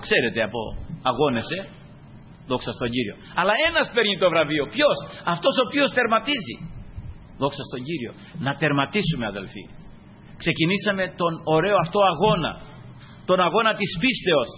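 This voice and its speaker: A man preaching a sermon to his congregation, rising to high emphatic peaks and falling to soft low asides, with frequent calls of "brothers" and "glory to God". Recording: muffled sermon recording with faint room noise.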